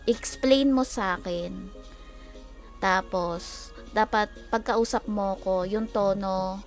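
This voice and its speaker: A young adult woman with a Filipino accent chatting casually and teasingly on a game livestream, quick to laugh. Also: fairly high pitch. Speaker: game streamer.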